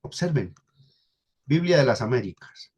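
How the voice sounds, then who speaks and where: A man's voice: medium pitch, very animated, measured pace, a little mellow, slightly rough. A man with a Colombian accent preaching a Bible study sermon to a congregation, explaining word by word and repeating key phrases for emphasis. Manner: teaching, addresses congregation as brothers, repeats and stresses key words.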